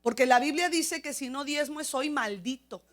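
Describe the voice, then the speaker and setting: A middle-aged woman pastor with a Mexican accent, preaching a sermon with animated, humorous storytelling that rises toward near shouts. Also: high voice, normal speed.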